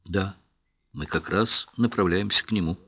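A man reading as a calm, sad young woman, speaking softly. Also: low voice, normal speed, breathy edge, highs cut off. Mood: gentle. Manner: soft, hushed delivery.

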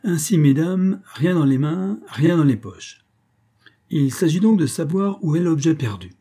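A man putting on a young gentleman turned parlor conjurer, pitched higher and declaiming with a showman's flourish. The tone stays dark and mellow, with a husky edge under the brightness of his patter. It is a storybook voice, read aloud. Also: animated, a little slow. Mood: showy. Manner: showy and theatrical, like a stage conjurer. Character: smooth-talking amorous man doing a parlor trick.

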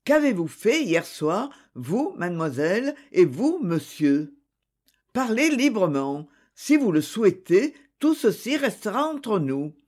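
A polite investigator with a soft, patient voice, as a reader plays him, pressing gently with his questions. His delivery is slow and unhurried, with a lively melody. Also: medium pitch. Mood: courteous. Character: calm, courteous male investigator.

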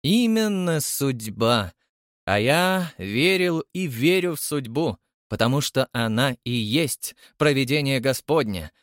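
A man voicing a triumphant old male chairman who believes in fate, speaking in drawn-out, exclamatory bursts. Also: mid-range voice, lively intonation, a bit bright, no echo, clean studio sound. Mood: solemn. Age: older. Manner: exclamatory, drawn-out emphatic words.

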